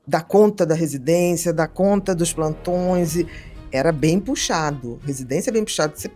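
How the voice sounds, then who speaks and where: A middle-aged woman, a psychiatrist telling stories in a casual podcast conversation, lively and acting out the people she quotes. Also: low-pitched, normal speed, faint music behind. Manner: animated storyteller, acts out quoted voices. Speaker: psychiatrist guest.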